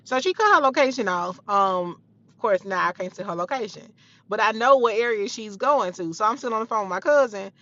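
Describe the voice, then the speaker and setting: A woman's voice: mid-range voice, lively intonation, brisk, pushed and bright, no echo, muffled recording. A young woman telling a heated personal story in a blunt, profane, casual way.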